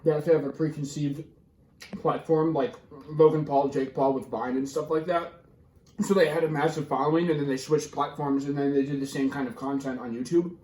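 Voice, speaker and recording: A man's voice: a little high, steady tone, fairly quick, a little mellow, recorded from a distance, a little hiss or hum. A young American man in his twenties gives candid, rambling, slangy answers in a casual interview while his mouth burns and his throat tightens from spicy food. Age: 20s. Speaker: YouTube vlogger being interviewed. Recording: roomy, echoey sound.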